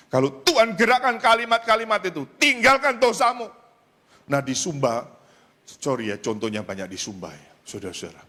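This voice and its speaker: In a church, a male pastor with an Indonesian accent preaches a sermon full of stories. He repeatedly calls out to the congregation and swings from loud, high cries to low, quiet asides.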